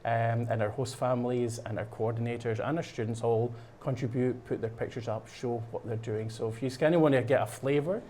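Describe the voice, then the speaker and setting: There's a little hiss or hum behind this man from Scotland, whose mid-range, dark voice stays steady and brisk with few pauses. Speaking with a Scottish accent as a guest on a local show, he rambles casually about a program, full of fillers and restarts, while painting in a studio.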